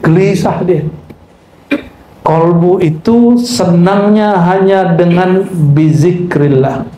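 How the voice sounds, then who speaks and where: A man's voice: sits high, takes it slowly, warm tone. A man giving a religious lecture on mysticism to a live audience, joking and quizzing his listeners and reciting Arabic phrases. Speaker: Islamic mysticism teacher. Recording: echoey room with faint background noise.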